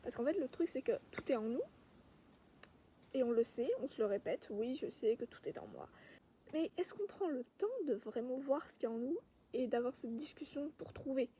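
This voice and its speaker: A woman vlogger giving a calm, reflective monologue outdoors among trees, sometimes dropping to a whisper. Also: high voice, fairly quick, a little hiss or hum. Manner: calm, soft-spoken, sometimes drops to a whisper.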